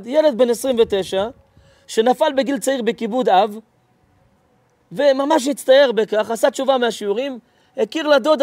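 A man's voice: very high-pitched, darkish tone, dry recording. A man, a rabbi, giving an emotional storytelling lecture, earnest and urgent, acting out the people in his stories. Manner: vivid, acts out dialogue in stories.

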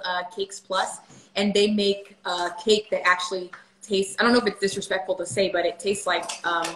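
Filmed on a phone camera at her kitchen table, a vlogger in her thirties chats casually on a livestream, filling her answers to viewer questions with lots of fillers. Her mid-range voice has a fairly bright tone. The rough recording is reverberant, with slight background noise.

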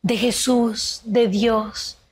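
A woman's voice: a little high, fairly even intonation, extremely slow, husky. Woman TV host with a raised voice. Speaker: TV show host. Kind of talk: TV interview. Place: TV studio.

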